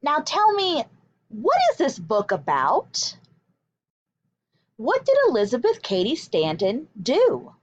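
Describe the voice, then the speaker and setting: A female teacher reads aloud from a picture book for young children with emphatic, deliberate, teaching-style storytelling. Her high voice swoops wildly in pitch, and the recording sounds slightly dull.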